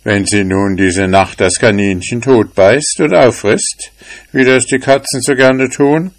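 A man's voice: medium pitch, unhurried, pitched above the performer's own voice, lightly acted. A man voicing a sly, scheming hunting dog in a storybook tale, speaking in a raised, boastful way.

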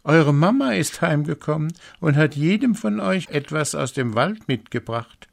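A man's voice: fairly high pitch, lively intonation, normal speed, creaky, voice pushed up. A man voicing a cunning evil wolf in a fairy tale reading, speaking in a sly coaxing way. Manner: sly coaxing, then threatening. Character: cunning evil male wolf, disguising his voice.

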